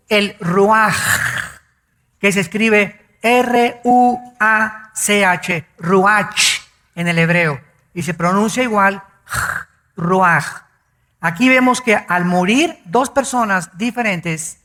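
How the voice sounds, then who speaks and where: A male pastor preaching a sermon emphatically, drawing out key words slowly and telling the congregation to write things down. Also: high voice, fairly bright tone. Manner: addresses the congregation directly, asking them to note things down.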